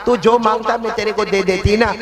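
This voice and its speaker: Brief: male preacher putting on a tearful widowed mother, high and pleading, crowd behind. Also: fairly even intonation, brisk, natural voice. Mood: sorrowful.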